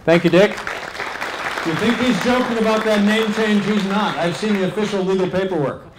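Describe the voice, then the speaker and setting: Jokey American man hosting, higher-pitched voice. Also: moderate pace, a crowd in the background, background noise. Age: middle-aged. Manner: jokey, genial. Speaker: mayor acting as event host. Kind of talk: informal live event introductions. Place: event tent with seated audience. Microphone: handheld stage microphone. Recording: echoey event tent, audience murmur.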